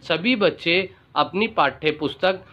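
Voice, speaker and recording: A male school teacher speaks to young pupils in a slightly high voice and a very unhurried tempo. He stretches every example word out slowly and asks the children to say it after him. The recording sounds dull and lo-fi. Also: bright, forceful tone. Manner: patient, slowly drawn-out pronunciation of example words; often addresses pupils directly and repeats words for them to echo. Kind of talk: recorded primary-school Hindi lesson.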